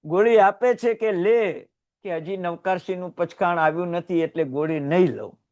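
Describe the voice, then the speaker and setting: Man, Gujarati, Jain sermon, higher voice, emotional storytelling, loud rises and hushed drops. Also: moderate pace. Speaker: Jain religious teacher.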